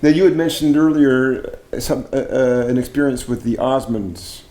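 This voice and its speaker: Male interviewer, mid-pitched and warm, casual, encouraging the guest along. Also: steady tone, moderate pace, a little hiss or hum. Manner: friendly, prompting with short "wow" and "right".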